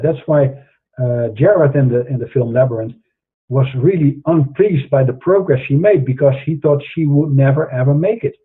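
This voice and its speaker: Through narrow, tinny audio, a Dutch-accented middle-aged host speaks to camera in his online show, preaching earnestly to viewers with lots of fillers and restarts. His voice is husky and fairly high-pitched.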